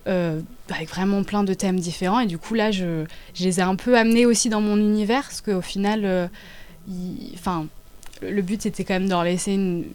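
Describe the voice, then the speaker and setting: A woman in her twenties, a dancer and choreographer, talks about her work in a casual interview, halting often as she searches for words. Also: mid-range voice, darkish tone. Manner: halting, with many hesitations.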